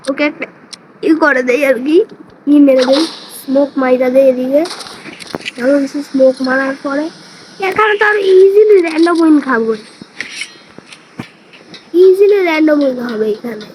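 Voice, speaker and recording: High-voiced excitable woman gamer. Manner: excitable, chatty, talks to viewers. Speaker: gaming streamer. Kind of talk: casual gameplay commentary. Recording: noisy background hiss.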